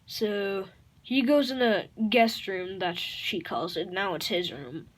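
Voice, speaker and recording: A woman improvising a fan-fiction story aloud, rambling and halting, with many fillers and self-corrections. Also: mid-range voice.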